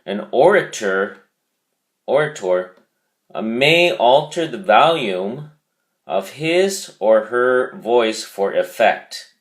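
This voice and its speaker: A man teaching a vocabulary lesson, speaking deliberately and repeating key words for emphasis. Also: mid-range voice, animated.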